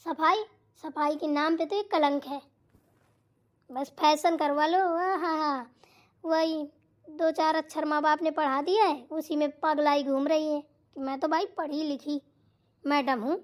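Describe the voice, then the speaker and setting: A woman voicing a lazy, quarrelsome sister-in-law in a cartoon, sharp, rude and always complaining. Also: high-pitched, fairly even intonation, a little slow. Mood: mocking. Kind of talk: cartoon voice acting.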